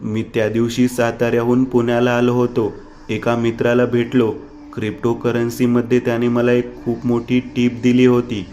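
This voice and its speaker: A man's voice: medium pitch, monotone, moderate pace, a little mellow, slight background noise, natural voice. A man voicing a desperate young man who has lost everything, panicked and pleading. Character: desperate young man ruined by bad investment.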